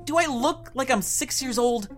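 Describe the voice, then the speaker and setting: A woman's voice: sits high, animated, moderate pace, loud music behind the voice. A woman playing a brash, profane, sarcastic young male detective.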